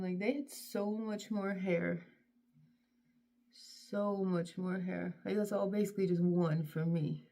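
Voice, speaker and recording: A middle-aged woman vlogger from North Carolina chatting casually while she does her hair, self-deprecating and drifting into soft mutters. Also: mid-range voice, gravelly.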